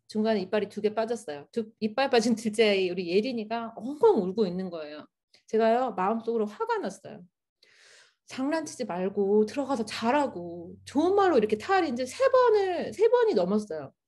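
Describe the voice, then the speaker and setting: A woman in her thirties giving an earnest church testimony in a sermon style over a video call. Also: fairly high pitch. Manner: expressive, earnest storytelling with rising emphasis. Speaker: small-group leader giving a church message.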